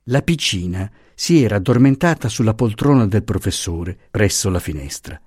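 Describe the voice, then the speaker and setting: A man narrating a classic novel in an expressive, measured way for an audiobook. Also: lowish voice, breathy edge, dry recording, clean studio sound.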